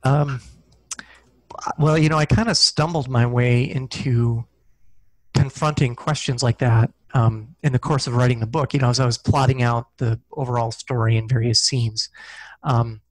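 A middle-aged guest, a physicist who also writes science fiction, speaks casually at a moderate pace on a video call, reflective and self-deprecating. Using a headset mic in a small indoor room, his medium, steady voice has no room sound, though the audio is poor.

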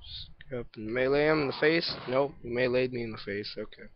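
A man's voice: mid-range voice, fairly quick, highs cut off, noisy background. A man casually commenting over his own gameplay, rambling and self-deprecating, with hiccups and yawns. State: hiccups and yawning. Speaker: gameplay video maker.

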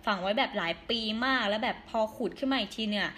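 A hoarse young woman chatting casually on a live stream, giggling and reading viewer comments aloud. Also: medium pitch, fast, fairly bright tone, a little hiss or hum.

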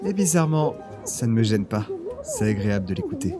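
A man acting an emotional young boyfriend in an audio drama, easily exasperated and expressive. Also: fairly low pitch, fairly quick, over loud music. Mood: tender, wistful. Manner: expressive, swinging from soft narration to anguished cries.

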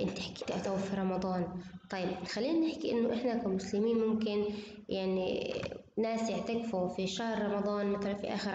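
A woman's voice: mid-range voice, dark tone, muffled recording. Woman lecturing in a very echoey room. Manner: switches between Arabic and English, explains patiently, drills pronunciation. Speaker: university translation lecturer. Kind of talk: recorded online lecture. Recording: very echoey room, faint noise.

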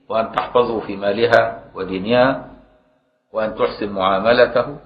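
An Egyptian man with a very low voice lectures on a classical law text as a religious scholar. He mixes formal recitation with colloquial explanation and poses rhetorical questions to his students. The recording is roomy and dull, like an old lecture tape. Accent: Egyptian Arabic. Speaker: religious scholar teaching a book.

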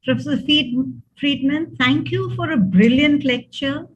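A woman's voice: high-pitched, a little slow, a little hiss or hum. An older woman with an Indian accent giving an informal speech of thanks and reminiscence over a video call. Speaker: speaker giving thanks and family memories. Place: indoor room, on a video call. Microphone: computer mic on video call. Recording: dull video call audio.

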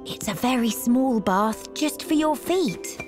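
British cartoon mummy pig: high, unhurried, kindly and cheerful, patient explainer. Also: female voice, expressive, darkish tone, faint music behind. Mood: pleased, explaining. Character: gentle, cheerful adult mother pig. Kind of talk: children's cartoon dialogue.

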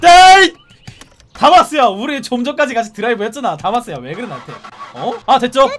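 High-voiced excitable male game streamer. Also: fast. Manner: excitable, shouts and repeats short cries; talks to his viewers. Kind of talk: live game stream commentary.

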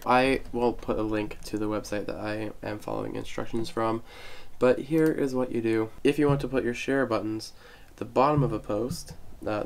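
This tech tutorial host is a young man recovering from a cold, chatting his way through a step-by-step website walkthrough and poking fun at himself along the way. His pitch is fairly low and gravelly, and a little background noise comes through in this casual screen recording.

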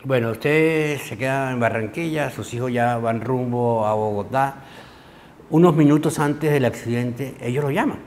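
A man's voice: medium pitch, unhurried, darkish tone. A male news interviewer who prompts his guest with short questions.

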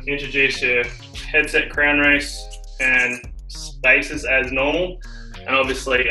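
A man's voice: medium pitch, pushed and bright, rough recording. A man, a bike race mechanic, explaining his tools in casual stop-start talk in an indoor workshop.

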